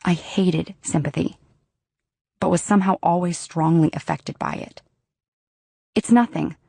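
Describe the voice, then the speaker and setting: A woman's voice: lowish voice, fairly even intonation, moderate pace, vocal fry, warm tone, dry recording. A woman narrating a romance audiobook in the first person, wry and emotional.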